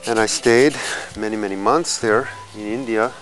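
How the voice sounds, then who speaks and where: A man in his fifties from California, a musician telling his life story in a slow, reflective documentary interview, pausing and restarting as he thinks. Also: on the low side, steady tone, fairly bright tone, a little hiss or hum, rough recording. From California, USA. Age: 50s. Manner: slow, thoughtful, with pauses and small restarts.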